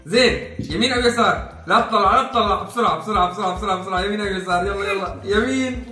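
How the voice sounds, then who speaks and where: A man rushes out fast, bright instructions in a played-back clip. His voice sounds distant and roomy, with faint music beneath it. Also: high voice. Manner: urgent, hurried, playful.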